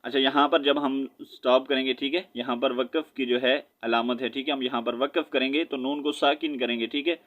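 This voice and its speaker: A man with a Pakistani Urdu accent teaching a Quran lesson, spelling out syllables slowly and chanting verses in a drawn-out melody. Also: medium pitch, steady tone, dull audio.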